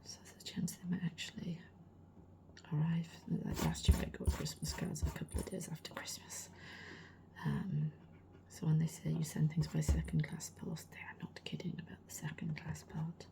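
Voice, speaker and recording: Brief: middle-aged woman, whispered role-play, low-pitched, fry in the voice, a little hoarse. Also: sing-song, moderate pace. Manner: soft rambling whispered chat. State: slightly losing her voice. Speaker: ASMR creator.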